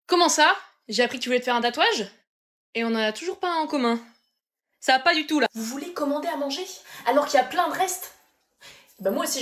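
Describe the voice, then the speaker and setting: A young woman performing comedy sketches, snappy and sarcastic, switching between characters. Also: high voice.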